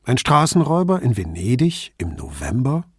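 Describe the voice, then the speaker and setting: A man's voice: medium pitch, sing-song, normal speed, slightly rough, no room sound, studio quality. Man voicing a firm ironic commissioner. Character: firm, dryly ironic male police commissioner.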